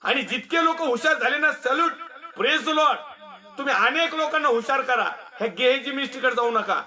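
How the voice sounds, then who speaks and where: A man preaches a sermon in a scolding, mocking tone, laughing often as he speaks. His voice sits very high for a man. It has a sharp, bright edge that cuts through. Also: quick pace. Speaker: pastor.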